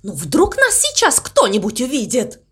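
A woman's voice: fairly high pitch, huge pitch swings, moderate pace, slightly rough, exaggerated voice. A woman voicing a grumpy, fussy crow in a storybook reading, muttering complaints. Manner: grumbling, sulky.

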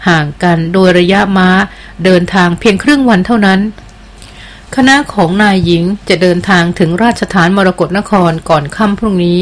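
A woman's voice: fairly low pitch, moderate pace, lightly acted. A woman reading a devoted, respectful jungle queen. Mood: earnest. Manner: deferential and earnest. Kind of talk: audiobook character reading.

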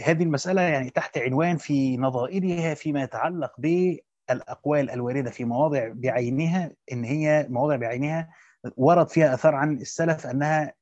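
A man's voice: mid-range voice, a little mellow, dry recording, lo-fi sound. A man teaching Quran commentary, reading the text aloud and then explaining it in colloquial asides.

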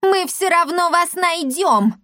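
A woman voicing a spiteful, shrill middle-aged mayor's wife in a storybook reading, sneering and commanding. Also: moderate pace, no room sound, clean studio sound, natural voice.

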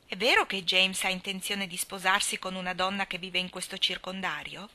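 A chirpy little married woman, brisk and sure of herself, with a bright, cutting edge to her voice, as a woman reader puts her on in a storybook reading. She chatters on without pausing for breath. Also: mid-range voice. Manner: chatty, brisk and self-assured.

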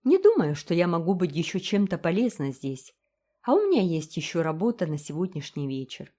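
A woman's voice: fairly low pitch, big pitch swings, brisk, warm tone. Brief: composed young teacher, icy politeness, storybook, read by a woman. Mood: cool, dignified.

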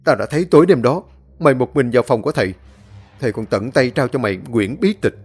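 Bitter young male disciple, loud and accusing, husky; a man doing the voice in a story reading. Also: mid-range voice, big pitch swings, quick pace. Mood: resentful. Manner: accusing, harsh and raised. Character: bitter young male sect disciple, resentful and hot-tempered.

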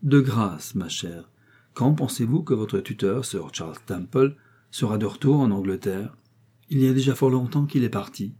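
A curious rich old gentleman asks calm, grave questions in a storybook reading, voiced by a male narrator. His tone is mellow and slightly husky, courteous but searching. He wants the truth without showing his hand. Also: on the low side, normal speed. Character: strange rich older gentleman visitor, probing.

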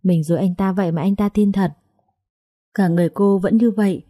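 A woman narrating an audiobook story in a calm, even storytelling manner. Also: medium pitch, brisk, dry recording, clean studio sound. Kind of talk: scripted narration.

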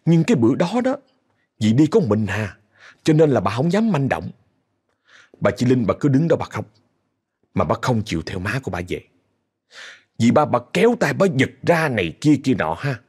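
A man's voice: mid-range voice, very animated, moderate pace, pauses often, darkish tone, slightly rough. A man with a Southern Vietnamese accent telling a story in a chatty, casual way, speaking directly to listeners.

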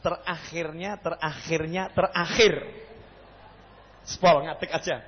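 A man's voice: fairly high pitch, slow pace, big-room sound, dull audio, slight background noise. A man with a Javanese accent preaching a sermon, who keeps asking the crowd questions and joking. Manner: questions the crowd, jokey, lively. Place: mosque hall.

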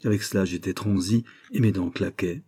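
An audiobook narrator reads a literary story aloud, measured and expressive. He has a slightly low, mellow voice with a husky grain.

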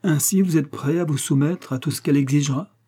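A man's voice: fairly high pitch, a little fast, dark tone, husky, pitched above the performer's own voice. A man reading aloud who voices a stern, mocking noblewoman, a marshal's widow, who gives cold, curt orders. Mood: commanding.

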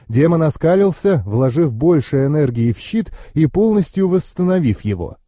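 Deep-toned, mellow male audiobook narrator. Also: no room sound, clean studio sound. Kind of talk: scripted first-person fantasy narration.

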